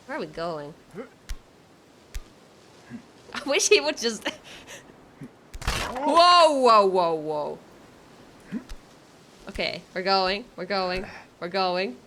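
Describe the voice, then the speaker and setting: Speaking slowly with frequent pauses, a woman of medium pitch gives casual live game commentary to her stream chat. She comes across as excitable and nervous, with giggles and exclamations, over slight background noise.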